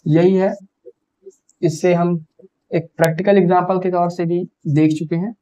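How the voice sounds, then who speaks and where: Man teaching grammar, slow careful examples. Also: sits high, little pitch movement, mellow, muffled recording. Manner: explains step by step, slows to spell out example sentences. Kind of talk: grammar lesson for exam students.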